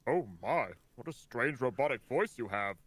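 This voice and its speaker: A man's voice: medium pitch, animated, crowd noise, close to an everyday voice. A man doing a stern formal judge. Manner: formal, measured. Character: stern older male courtroom judge.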